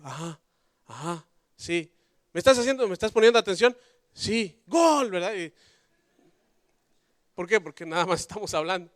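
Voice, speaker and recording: Expressive high-voiced preacher. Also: male voice, clear, resonant tone, dry recording, studio quality. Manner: conversational, swings from loud emphasis to quiet asides. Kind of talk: sermon with personal story. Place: church.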